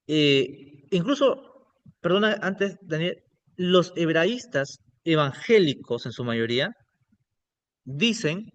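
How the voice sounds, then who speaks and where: Slightly high-voiced man teaching a class. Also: muffled recording. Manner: explanatory, checks in with frequent "ok?". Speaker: pastor teaching biblical Hebrew. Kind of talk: online class lecture.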